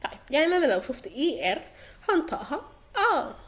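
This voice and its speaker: Young Egyptian-accented woman, a bright, high, lively teacher who repeats words slowly and patiently. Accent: Egyptian Arabic. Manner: patient, repeats each example word slowly. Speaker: German pronunciation teacher. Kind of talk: explanatory lesson in Egyptian Arabic.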